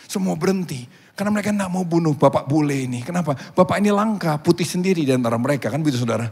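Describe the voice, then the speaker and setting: A man preaching a sermon as pastor, telling a story with animated delivery and acting out the characters' voices. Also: a little high, rapid-fire, gravelly, breathy edge. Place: church auditorium. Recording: reverberant church hall.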